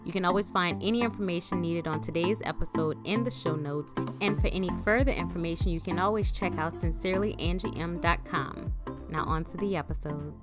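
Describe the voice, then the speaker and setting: A woman's voice: fairly low pitch, a little fast, loud music behind the voice. A woman podcast host reading a scripted sponsor spot.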